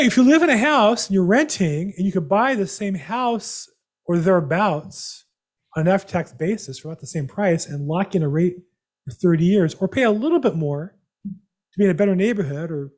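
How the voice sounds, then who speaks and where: A man's voice: sits high, a little mellow. A man hosting a live real estate seminar over a video call, chatty and rambling with many fillers. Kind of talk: live webinar presentation.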